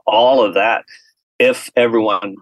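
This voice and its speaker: A man from Texas, an artist being interviewed, telling stories in a lively, laughing way. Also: takes it slowly, no echo, rough recording. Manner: animated, laughing storyteller with lively pitch swings. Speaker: artist guest. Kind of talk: casual storytelling interview.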